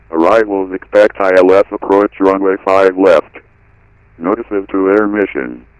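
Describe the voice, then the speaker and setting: A man's voice reading an automated airport weather broadcast over the radio, reciting numbers and runway notes in an even, clipped way. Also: sits low, clean tone, no echo, rough recording. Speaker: automated airport information recording.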